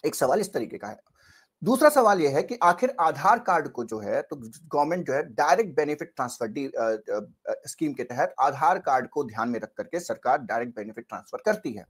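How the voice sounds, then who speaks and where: A man giving spoken political commentary as a news channel host, earnest and questioning, often pausing and restarting his sentences. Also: a little high, sing-song, slightly rough.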